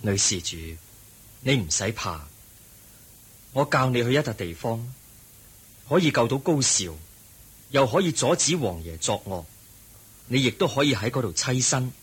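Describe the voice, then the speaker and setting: A man with a Hong Kong Cantonese accent playing the Buddha as a calm, gentle and wise teacher in a radio drama. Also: medium pitch, slightly rough. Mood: calm counsel. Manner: gentle, measured, preaching.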